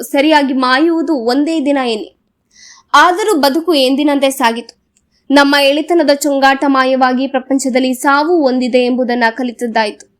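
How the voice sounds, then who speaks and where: A woman narrating a novel as an audiobook in a measured, solemn reading. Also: sits high. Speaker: audiobook reader. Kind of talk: scripted narration.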